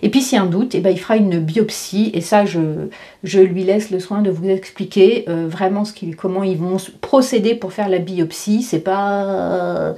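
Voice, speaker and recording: A woman's voice: mid-range voice, steady tone, moderate pace, warm tone. A woman in her fifties explaining in a casual vlog, chatty, with many fillers and restarts. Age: 50s. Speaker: vlogger.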